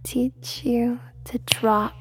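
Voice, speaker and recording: A woman's voice: on the high side, flat delivery. A woman in a whispered role-play as a seductive, controlling hypnotist, speaking intimately close, right in the listener's ear. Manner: slow, unhurried, suggestive delivery. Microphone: very close microphone.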